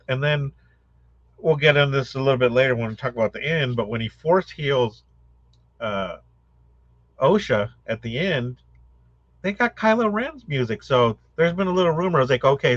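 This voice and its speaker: A man's voice: a little high, no room sound. Chatty male co-host on a dull, dry line. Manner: questioning, chatty. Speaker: podcast co-host. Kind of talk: casual podcast discussion.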